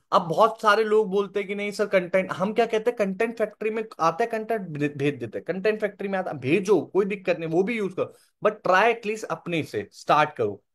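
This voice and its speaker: A young man giving a live online sales training, repeating his points and checking that listeners follow. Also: high voice.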